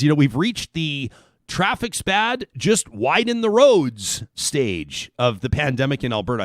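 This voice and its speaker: A man's voice: mid-range voice, no room sound, studio quality. A man with a Canadian accent hosting a talk radio show, delivering an opinionated, sarcastic monologue. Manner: animated, sarcastic, swears casually. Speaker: radio host.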